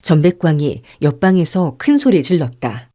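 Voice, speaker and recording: A woman narrating an audiobook in a calm, measured storytelling manner. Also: sits low, dry recording, studio quality. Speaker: audiobook narrator and channel host.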